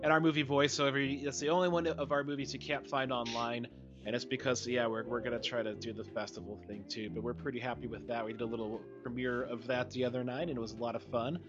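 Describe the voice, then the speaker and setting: A man's voice: mid-range voice, steady tone, fast, dull audio, music in the background. A man hosting a casual movie-review podcast, laughing often and tripping over his words. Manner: laughs often, stammers and restarts. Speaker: podcast host.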